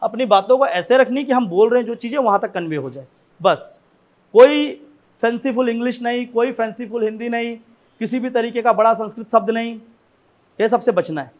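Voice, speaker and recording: A man's voice: very high-pitched, brisk. A man teaching essay writing in a conversational classroom lecture, often checking in his students and repeating his key points. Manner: conversational, frequent "ठीक है ना" check-ins; repeats key points, asks rhetorical questions.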